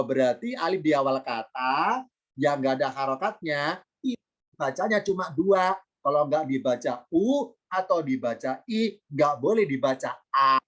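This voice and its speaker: A man's voice: on the high side, a bit bright. Patient male teacher quizzing himself. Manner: asks rhetorical questions and answers them himself; reads Arabic word by word, then translates. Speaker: Quranic Arabic grammar teacher. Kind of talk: online lesson.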